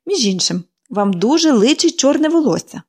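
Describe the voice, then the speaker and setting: A woman's voice: high voice, very animated, normal speed, slightly rough, voice pushed up, heavily acted. A woman playing a chirpy cheerful little girl. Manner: bright, eager, chirpy. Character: cheerful chatty young girl.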